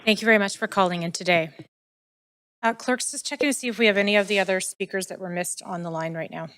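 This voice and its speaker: A woman's voice: medium pitch, fairly bright tone. Woman chairing a council meeting. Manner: procedural, with filler pauses.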